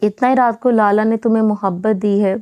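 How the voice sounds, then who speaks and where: A woman's voice: mid-range voice, fairly even intonation, darkish tone, clear, resonant tone, dry recording, highs cut off, natural voice. A woman reading a teasing young cousin.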